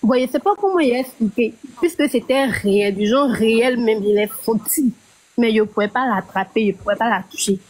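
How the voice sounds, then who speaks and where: A woman's voice: on the high side, moderate pace, darkish tone, low-quality recording. A woman calling in by phone, telling a story hesitantly and restarting her phrases. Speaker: caller.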